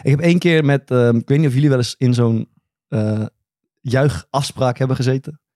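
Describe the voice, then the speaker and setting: A man, a footballer hosting a podcast, chatting casually and telling lively stories with quick laughs and acted-out quotes. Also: medium pitch, dry recording, clean studio sound.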